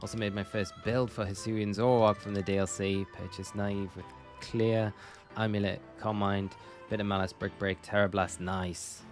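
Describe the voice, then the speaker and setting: A young man with a lowish voice chats loosely with his viewers, often correcting himself mid-sentence. His talk rambles in an easy live-stream style, with faint music playing underneath. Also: flat delivery, moderate pace. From Northumberland, England. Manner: chatty, rambling, self-correcting.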